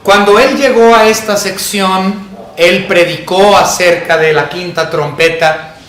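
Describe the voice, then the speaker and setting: A man preaching a sermon as pastor, telling a personal story and acting out his childhood fear in a higher voice. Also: steady tone, measured pace, a bit bright, echoey room, slight background noise. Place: church sanctuary.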